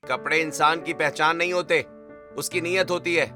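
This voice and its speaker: A man's voice: fairly high pitch, fairly even intonation, normal speed, over music, lightly acted. A man voicing a kind male pizza store owner in a cartoon story who talks in a reassuring way. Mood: kindly.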